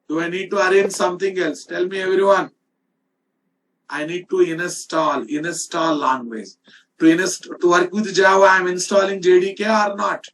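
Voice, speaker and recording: A man's voice: sits high, a bit bright, a little hiss or hum. A man with an Indian accent teaching programming in an informal, emphatic, repetitive way, often checking with students. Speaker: programming instructor. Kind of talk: informal screen-shared software lecture. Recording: distant-sounding microphone.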